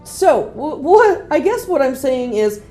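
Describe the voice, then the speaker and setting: A woman's voice: high voice, very animated, a little slow, dark tone, soft background music. A woman co-hosting a podcast, chatting casually and leading the discussion with a self-deprecating manner. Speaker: podcast co-host. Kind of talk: casual chat.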